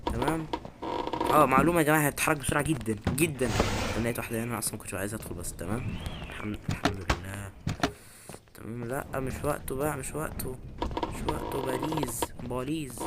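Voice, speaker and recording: A man's voice: medium pitch, quick pace, heavy background noise. A man with an Egyptian Arabic accent giving jittery horror game commentary, muttering prayers and letting out sudden scared yelps. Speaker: gaming YouTuber.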